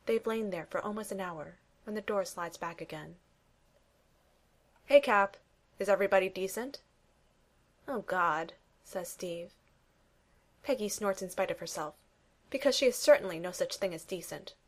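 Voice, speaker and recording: A woman narrating a romantic story aloud, reading every character's lines in her own voice with gentle emphasis. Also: fairly low pitch, moderate pace. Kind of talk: fan fiction reading.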